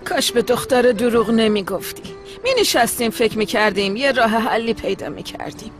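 Woman doing a soft, caring grandma, kinda high voice, loud music behind. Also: lively intonation, lightly acted. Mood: tender. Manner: tender, soothing. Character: tender older grandmother, consoling. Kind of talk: Persian dub of a TV drama. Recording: dubbed voice over loud music.

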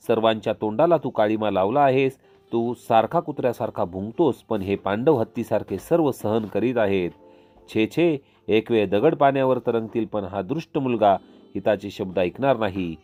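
A man's voice: fairly low pitch, dark tone, lightly acted. A man voicing a stern old counselor. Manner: grave, slow, rebuking. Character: stern older male royal counselor, grave and reproachful.

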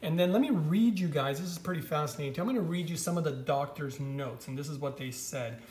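An eager man narrates from off camera, walking viewers through pictures on a screen in a slightly high voice. His explanations come with a keen, selling energy. The room around him is bare and echoey. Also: brisk, a little mellow. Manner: enthusiastic, explanatory, calls viewers guys. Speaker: vlogger.

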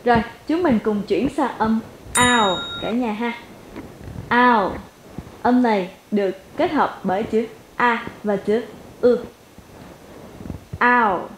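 A woman with a Vietnamese accent teaching English pronunciation, repeating each word slowly and deliberately for practice. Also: on the high side. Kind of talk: pronunciation lesson. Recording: echoey room with faint noise.

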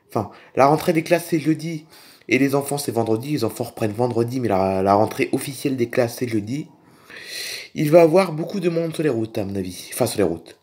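A man's voice: mid-range voice, darkish tone, husky. A man voicing a chatty family dad in a toy film, rambling and repeating himself as he grumbles. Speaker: narrator and main figure of a toy film. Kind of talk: toy figure film role-play.

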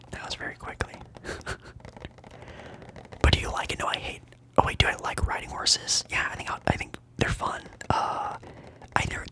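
A young adult hosts an ASMR livestream, whispering casually to viewers. She rambles with fillers, repeats trigger words, and answers people in the live chat.

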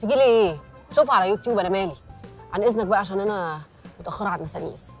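A woman's voice: medium pitch, very fast, faint music behind, natural voice. An actress playing a defensive, exasperated young woman, speaking with an Egyptian accent. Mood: irritated. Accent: Egyptian Arabic. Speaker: employee.

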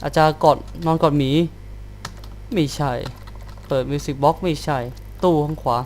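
A man commentating a horror game as he plays, jumpy, swearing and shouting when startled, and talking to the game characters. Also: a little high, steady tone, a little slow, slight background noise, low-quality recording. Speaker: let's play gamer.

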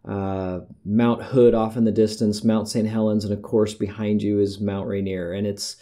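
A man's voice: lowish voice, mellow. A middle-aged American man talking casually about hiking in a rambling, conversational monologue, often correcting himself mid-sentence. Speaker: podcast host.

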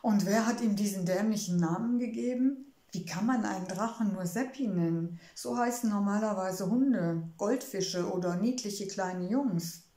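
A spirited, indignant young princess from a storybook, as a woman reader puts her on, raising her voice higher in sarcastic outbursts. A roomy echo surrounds the reading. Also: a little slow, mellow, close to an everyday voice. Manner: agitated, sarcastic, exclaiming.

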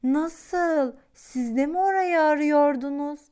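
A woman's voice: measured pace, darkish tone. A woman voicing a lazy, curious little boy dinosaur in a children's storybook, sounding surprised. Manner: high and surprised when voicing him.

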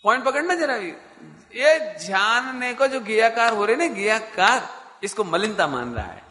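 A man's voice: high-pitched, animated, pushed and bright, long reverb tail. A man giving a spiritual discourse to a live audience as a Jain teacher, who keeps asking his listeners questions and answering them himself. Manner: chants scripture lines slowly.

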